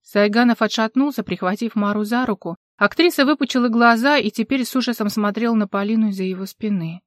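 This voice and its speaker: A woman narrates a novel in a measured, steady reading. Her voice sits fairly high. The recording is dry and close. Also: no room sound. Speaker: audiobook narrator. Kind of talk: scripted narration.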